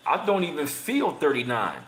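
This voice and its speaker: A man in his thirties hosting a casual livestream, chatting with viewers in slangy talk and reading passages aloud, his voice jumping high whenever he gets emphatic. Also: normal speed, roomy sound, soft background music. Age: 30s. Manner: excitable, voice jumps high when emphatic, slangy. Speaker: channel host.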